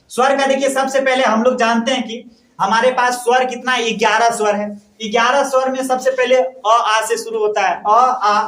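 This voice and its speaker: High-voiced male teacher in an echoey room. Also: fairly bright tone. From India. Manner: asks questions and answers them himself, repeating each point. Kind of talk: classroom grammar lesson.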